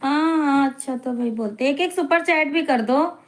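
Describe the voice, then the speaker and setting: High-voiced chatty woman live streamer. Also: normal speed. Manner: chatty, teasing, laughs often. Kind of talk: live-stream chat, reading viewer comments aloud.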